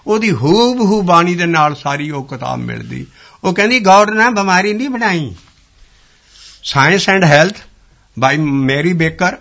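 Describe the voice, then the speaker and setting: A man's voice: high-pitched, animated, unhurried, creaky, fairly bright tone, muffled recording. A man giving a sermon, explaining hymn lines and sometimes singing them. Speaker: Sikh preacher. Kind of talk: sermon with sung scripture.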